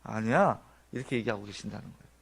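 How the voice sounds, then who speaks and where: A male pastor preaching a Sunday sermon in a church sanctuary. His pitch rises and falls widely, and his voice sits a bit higher than most men's. He talks to the congregation in a conversational way, laying out his points in order and putting questions to them. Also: big pitch swings, a little fast, fairly bright tone, slight background noise. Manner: asks the congregation rhetorical questions; explains points one by one in an earnest, conversational tone.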